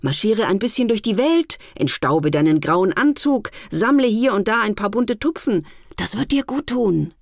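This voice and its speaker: A woman voicing a cheerful, teasing festive day in a storybook, with a loud, jolly delivery and a husky voice. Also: mid-range voice, expressive, moderate pace, few pauses, no echo, studio quality. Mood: encouraging.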